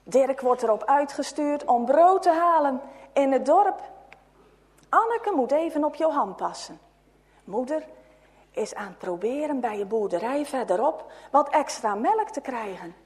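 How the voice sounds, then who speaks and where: A woman reads a children's story aloud in a high, clear voice, taking her time over each sentence. She drops to a hush at tense moments and lifts her tone when the action speeds up. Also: measured pace, long reverb tail. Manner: expressive, hushed at tense moments.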